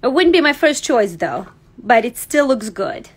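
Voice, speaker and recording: A woman's voice: fairly high pitch, sing-song, normal speed, husky, poor audio. A woman from Serbia, hosting a casual card-making livestream from her craft desk, chatting and thinking aloud as she works and laughing easily. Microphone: overhead camera on desk.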